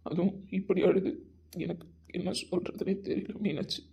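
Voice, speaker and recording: A man's voice: sits high, fairly even intonation, normal speed, gravelly, mellow, breathy edge, heavily acted. A man playing a remorseful young husband who speaks earnestly and apologetically in an amateur audio drama. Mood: remorseful, tender.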